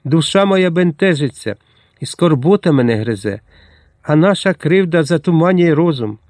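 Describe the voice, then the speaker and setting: Гарячий козацький полковник, якого грає читець, говорить пристрасно й рвучко, голос піднятий і напружений. Запис сухий, без кімнатного відлуння. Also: male voice, a little high, expressive, moderate pace, a little mellow, dry recording, clean studio sound, natural voice. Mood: impassioned. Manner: impassioned, vehement. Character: hot-tempered Cossack colonel, fiery and grieving.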